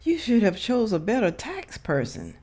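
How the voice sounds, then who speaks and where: A woman's voice: mid-range voice, huge pitch swings, moderate pace, darkish tone, breathy edge. A woman gives blunt, emphatic, casual commentary to her viewers, repeating herself, her words slurred as if speaking without her dentures in. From United States. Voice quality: slurred, toothless speech from missing dentures. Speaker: reaction video host.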